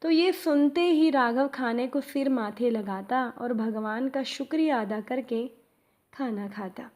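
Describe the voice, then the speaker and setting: A woman narrating a devotional moral story in a calm manner, addressing her congregation. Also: fairly high pitch, measured pace.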